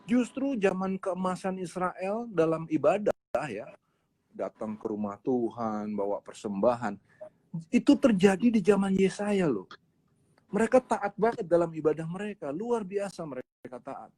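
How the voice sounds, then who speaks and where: A man's voice: sits high, darkish tone. A male pastor giving a casual, conversational sermon, emphatic and full of rhetorical questions.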